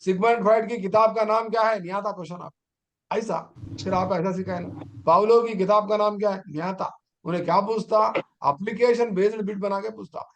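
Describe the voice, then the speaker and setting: A man's voice: high-pitched, steady tone, fairly quick. A middle-aged man, a teacher trainer giving an online exam-prep lecture and urging his students on with rhetorical questions.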